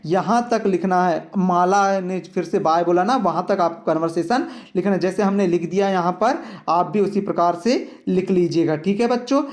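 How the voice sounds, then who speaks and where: A man, teaching an English lesson to children and explaining each line patiently. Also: high-pitched. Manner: slow, patient, addresses children directly. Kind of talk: reading an English worksheet aloud and explaining it in Hindi.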